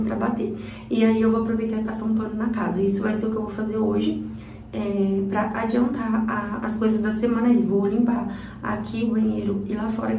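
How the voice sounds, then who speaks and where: A Brazilian woman in her twenties chatting casually to viewers in a home vlog, slightly hoarse as if from an inflamed throat. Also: medium pitch, warm tone. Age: 20s. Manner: chatty, confiding, addressing viewers as friends. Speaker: homemaker vlogger. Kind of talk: casual household vlog chat. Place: small tiled bathroom and other rooms at home. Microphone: phone camera, sometimes set back across the room. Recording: roomy, distant microphone with faint noise.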